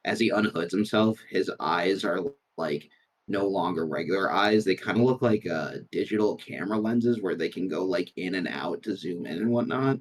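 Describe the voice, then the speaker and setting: A man playing in a tabletop game, describing his character haltingly with many fillers. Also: sits low, slightly rough. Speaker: player. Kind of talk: tabletop role-play chat.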